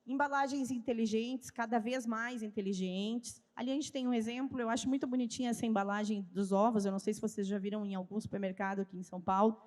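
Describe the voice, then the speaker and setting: Her voice is a little high and a little mellow, steady in tone, and fast with few pauses. This trade-fair speaker, a woman with a southern Brazilian gaúcho accent, gives a didactic talk in which she answers her own questions. She speaks to a live audience in a large event hall, and long reverb is audible.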